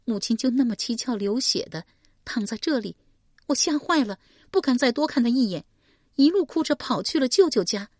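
A woman's voice: on the high side, animated, moderate pace, dry recording, studio quality, voice pushed up. A woman playing an anguished young noblewoman. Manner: tearful, anguished. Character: grieving vengeful young noblewoman.

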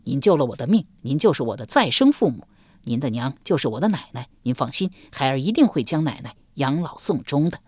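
A woman's voice: a bass voice, sing-song, brisk, darkish tone, husky, no room sound, clean studio sound, exaggerated voice. A woman reader voicing a twenty-year-old male scholar who is eager, polite and begging in an audiobook. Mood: pleading. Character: young male scholar, 20, frightened and pleading. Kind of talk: audiobook character voice.

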